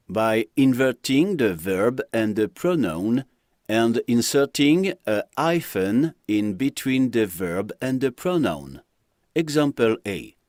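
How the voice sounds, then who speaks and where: A man's voice: mid-range voice, darkish tone, no echo, clean studio sound. A man narrating a French lesson, reading example phrases aloud with careful pronunciation. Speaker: French teacher. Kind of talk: slow scripted lesson narration.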